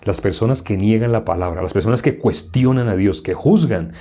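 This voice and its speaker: A man preaching a sermon, teaching from the Bible with rhetorical questions and quoting scripture in a quieter, lower voice. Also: a little fast.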